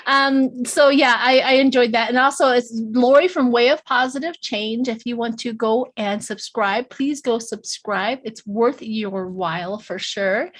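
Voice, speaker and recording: Upbeat older woman hosting a chat. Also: a little high. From Colorado, USA. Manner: chatty, upbeat, quick to laugh. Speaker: tarot channel host. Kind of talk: casual chat.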